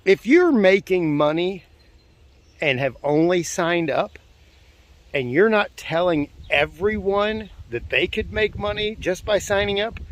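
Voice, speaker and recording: A man leading a network marketing team call, talking in a casual, emphatic and repetitive way. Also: sits high. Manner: casual, chatty. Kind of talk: motivational call talk.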